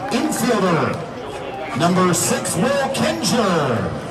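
A man announcing player introductions over a stadium public address system, projecting in a deliberate way and drawing out names. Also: high voice, huge pitch swings. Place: outdoor baseball stadium, heard over loudspeakers. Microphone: announcer's PA captured from the stands. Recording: distant echoey stadium PA, crowd, loud music. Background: crowd and loud music.

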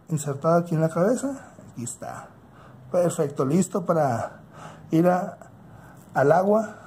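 A man with a Mexican accent narrating a casual hands-on toy unboxing, unhurried and halting as he thinks aloud. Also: sits high, darkish tone, slightly rough. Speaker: toy unboxing channel host. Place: indoors at a tabletop.

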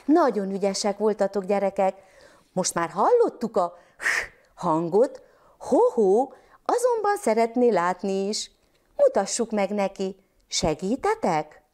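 A Hungarian woman from Transylvania teaching first graders to read, sounding out syllables and letters slowly and clearly. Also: medium pitch, big pitch swings, dark tone. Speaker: primary school teacher.

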